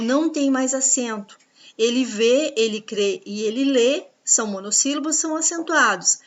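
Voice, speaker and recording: A woman teaching a grammar lesson, patiently explaining rules and spelling out examples slowly. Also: a little high, dull audio, slight background noise. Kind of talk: grammar lesson over slides.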